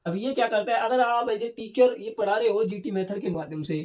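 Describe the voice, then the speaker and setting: A male teacher giving an exam-prep lecture. He asks questions and answers them himself, often tags on "theek hai na", and reads English points out slowly. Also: high voice, a little mellow. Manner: keeps adding "theek hai na".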